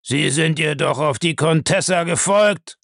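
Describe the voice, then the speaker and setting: A man's voice: on the high side, measured pace, gravelly, fairly bright tone, dry recording, clean studio sound, voice pushed up. A man reading a novel aloud, voicing an irascible, domineering old man who demands answers. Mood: demanding.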